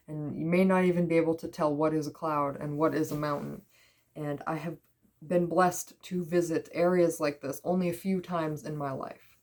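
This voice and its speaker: A young woman from the Midwest reads cards in a soft, low voice. She talks in a gentle, reassuring way and drifts into chatty little asides. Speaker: tarot card reader. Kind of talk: spiritual card reading.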